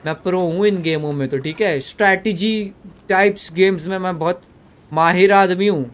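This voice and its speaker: A young man doing joking live commentary while streaming a horror game, mixing Hindi and English and yelling at the character on screen. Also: high-pitched, normal speed. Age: young adult. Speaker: gaming streamer. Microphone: desk microphone.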